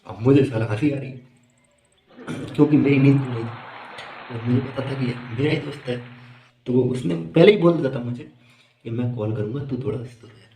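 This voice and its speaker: A man's voice: medium pitch, fairly quick, mellow, reverberant, slight background noise. A man doing stand-up, telling a long comic story in a chatty, amused way. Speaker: stand-up comedian.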